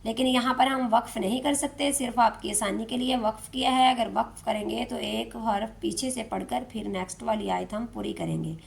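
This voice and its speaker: A woman, teaching Quran recitation step by step, explaining slowly and chanting verses drawn out. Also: on the high side, vocal fry.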